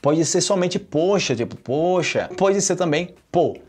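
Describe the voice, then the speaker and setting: Husky-voiced male Portuguese teacher. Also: high voice, a little slow. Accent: Brazilian Portuguese. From Brazil. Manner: relaxed, chatty, tags sentences with "né?" and "ok?". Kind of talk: casual online language lesson. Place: Medellín, Colombia.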